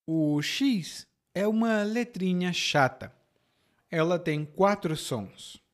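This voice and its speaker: A man from Ceará with a Brazilian Portuguese accent from that state, teaching a podcast lesson and spelling out example words slowly and carefully. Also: high-pitched, animated, slight background noise. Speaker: language teacher.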